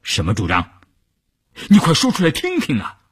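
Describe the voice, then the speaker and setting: A male storyteller voicing a blunt, hot-headed male faction commander who gets flustered and excitable. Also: a little slow, husky, full character voice. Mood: agitated. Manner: flustered, excitable, cries out high. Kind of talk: traditional storytelling.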